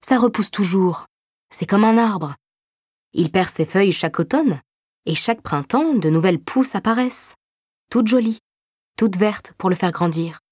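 A woman voicing a gentle older brother who explains things patiently and reassuringly in a narrated story. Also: mid-range voice, expressive, a little slow, breathy edge, no echo, clean studio sound, voice pushed up. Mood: comforting.

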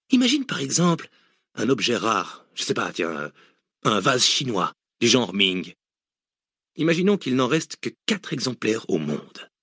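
A male audiobook reader voicing a cynical, deranged hooded villain who lectures mockingly and erupts into shouts. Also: fairly low pitch, breathy edge, no room sound, studio quality, exaggerated voice. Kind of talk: audiobook reading.

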